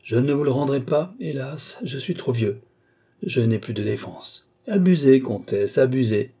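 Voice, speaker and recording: A man's voice: mid-range voice, animated, a little slow, gravelly, mellow, breathy edge, pitched above the performer's own voice, exaggerated voice. A man voicing a witty, aging duke in an audiobook, mocking and theatrical in his banter. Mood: mock protest. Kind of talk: audiobook character voice.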